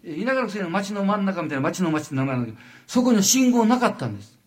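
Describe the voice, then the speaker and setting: An older man from Japan giving a lecture, halting with frequent fillers and lively asides. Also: sits high. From Wajima, Noto Peninsula, Japan.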